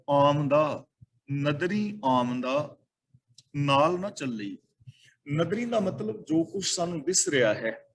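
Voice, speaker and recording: A man preaches a sermon on scripture, his voice husky and sitting a little high. He chants each verse slowly, then explains it in plain everyday talk. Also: fairly bright tone, low-quality recording. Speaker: Sikh scripture teacher.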